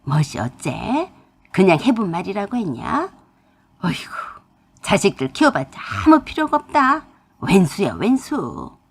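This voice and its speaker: An angry elderly mother scolds and reproaches, her husky voice rising and falling widely, as a woman puts her on. She is bitter and harsh in a storybook radio tale. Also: lowish voice, big pitch swings, measured pace, pitched below the performer's own voice, exaggerated voice. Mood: scolding.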